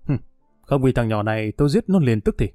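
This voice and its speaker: Brief: man reading as a tough gang leader, gruff and quick, dry close voice. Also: medium pitch, expressive, mellow, no echo, faint music behind, natural voice. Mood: menacing. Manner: gruff, threatening. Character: menacing male gang leader, tough and curt.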